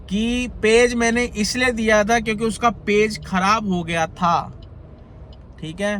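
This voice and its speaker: A man vents to his viewers in a rambling, indignant rant, circling back to the same points. His voice sits high. He records on a phone from inside a car on the highway, with faint road noise underneath. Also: a bit bright. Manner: indignant, rambling, repeating himself. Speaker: content creator. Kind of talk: agitated vlog rant to viewers.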